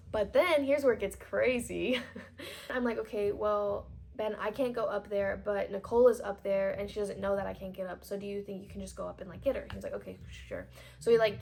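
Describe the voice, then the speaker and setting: Chatty young woman with a gravelly edge. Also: mid-range voice. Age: 20s. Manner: chatty and animated, lots of "like", voices quoted people. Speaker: vlogger. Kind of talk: storytime vlog, casual retelling.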